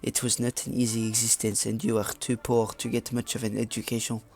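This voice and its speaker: A man's voice: mid-range voice, little pitch movement, brisk, darkish tone, slight background noise, natural voice. A man putting on a mock French accent to read a game story. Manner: hammy, stumbling over words while reading aloud.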